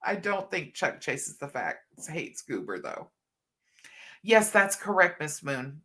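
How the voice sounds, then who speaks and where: A middle-aged woman hosts a casual livestream, reading viewers' comments and chatting with them affectionately, calling them hun and honey. Allergies leave her stuffed up and a bit scratchy. Her deep voice swings widely in pitch, moves slowly and sounds a bit bright.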